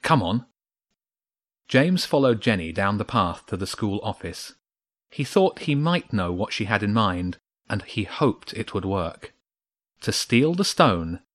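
A man reads a children's story aloud in a steady, measured way. His voice sits on the low side for a man. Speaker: narrator. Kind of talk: storybook narration.

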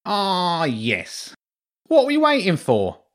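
A man's voice: sits high, wildly swooping pitch, fairly bright tone, pitched above the performer's own voice, heavily acted. A man reading a storybook, voicing a huge, fat, pompous male rat lord in a raised voice. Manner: pompous, brisk.

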